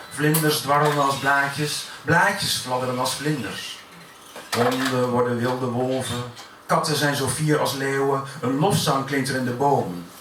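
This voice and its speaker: A man's voice: medium pitch, sharp tone. Man reciting poetry from across an echoey café. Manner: measured recitation with deliberate pauses. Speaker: poet. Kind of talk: poetry reading at a live event. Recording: echoey room from far off, noisy.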